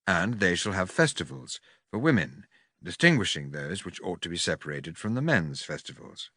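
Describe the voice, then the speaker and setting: A man with a fairly low voice narrates a philosophical audiobook. His delivery is formal and oratorical, with a bright, incisive edge. The sound is close and dry. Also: dry recording. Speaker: audiobook reader. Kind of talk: scripted audiobook reading of a philosophical dialogue.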